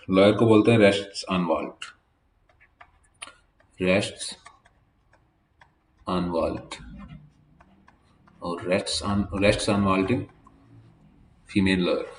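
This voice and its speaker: Slow, low-voiced man teaching vocabulary. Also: steady tone, reverberant, a little hiss or hum. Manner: slow, spells words letter by letter. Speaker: German language teacher. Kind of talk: vocabulary lesson at a whiteboard. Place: classroom with whiteboard.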